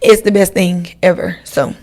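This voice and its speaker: A woman's voice: fairly low pitch, normal speed, background noise. A woman, hosting her podcast in a chatty, rambling style and talking straight to her listeners. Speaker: podcast host. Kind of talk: casual solo podcast chat.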